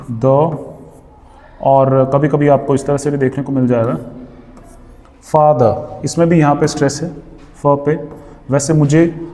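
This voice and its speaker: Male teacher, Indian accent, patient drill style repeating words, mellow tone, reverberant room. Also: fairly high pitch. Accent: Indian English. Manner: repeats each word slowly several times; mixes Hindi and English. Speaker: English teacher. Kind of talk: pronunciation lesson.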